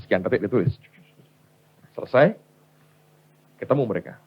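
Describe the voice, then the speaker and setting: A man's voice: mid-range voice, expressive, normal speed, slightly rough, muffled recording. A man preaching a sermon, telling stories and acting out the people in them as he addresses the congregation. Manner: storytelling preacher, acts out quoted voices, addresses congregation as brothers. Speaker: pastor.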